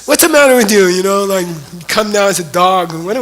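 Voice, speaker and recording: Guy doing a fed up hermit monk yelling, high and bright. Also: very animated, moderate pace, full character voice. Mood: indignant. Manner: loud, indignant, raised pitch. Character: exasperated male hermit monk, shouting complaints.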